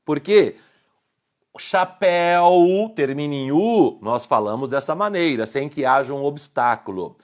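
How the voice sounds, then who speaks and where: A middle-aged man with a Brazilian Portuguese accent teaches grammar online in a fairly high, expressive voice, taking his time. He explains the rules and asks the viewer short questions to check understanding.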